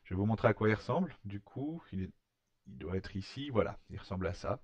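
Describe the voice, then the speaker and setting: A man talking through a screen-recorded software tutorial, hesitant, with many fillers and restarts. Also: fairly low pitch, animated, quick pace, no room sound, highs cut off. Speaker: tutorial maker.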